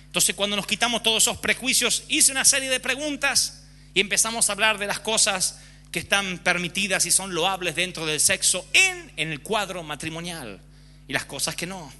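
A man's voice: high voice, expressive, normal speed, pushed and bright. A man preaching a sermon frankly and with passion, often acting out examples. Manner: impassioned, frank, acts out examples.

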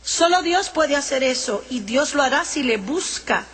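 A woman's voice: sits high, animated, moderate pace, fairly bright tone. A woman preaching a sermon, earnestly reading scripture and teaching from it. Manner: earnest, reads scripture aloud between teaching. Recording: long hall reverb.

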